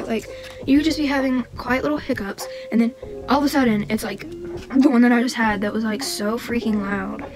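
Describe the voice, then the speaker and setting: A woman's voice: high-pitched, low-quality recording. A young woman chatting casually in a home vlog, bubbly and giggly, hiccuping now and then. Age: young adult. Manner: chatty and bubbly, with frequent giggles and filler words. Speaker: vlogger. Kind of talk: casual chat. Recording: background music under the voice.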